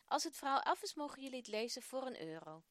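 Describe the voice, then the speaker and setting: A woman's voice: sits high, very animated, fast, fairly bright tone, no echo. A woman reading the part of an eager, imaginative young schoolboy who talks earnestly.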